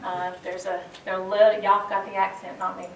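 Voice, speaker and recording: A woman's voice: mid-range voice, little pitch movement, brisk, a little hiss or hum. A woman from western North Carolina, giving a chatty, folksy talk on foraging. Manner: chatty, folksy, with restarts and laughter. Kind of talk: casual public talk. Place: event room at a library. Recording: roomy hall, distant mic, faint ambience.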